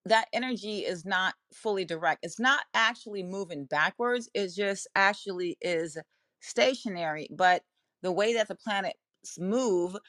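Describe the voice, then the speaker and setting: A woman with a mid-range, fairly bright voice speaks a little slowly, with no room sound and traces of a Jamaican accent. Hosting an astrology podcast, she talks casually to listeners, rambling through her points and interrupting herself with many restarts.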